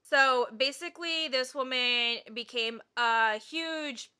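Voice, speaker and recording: A woman's voice: sits high, takes it slowly, sharp tone, clear, resonant tone. A young woman hosting a reaction video, ranting in an exasperated, casual way.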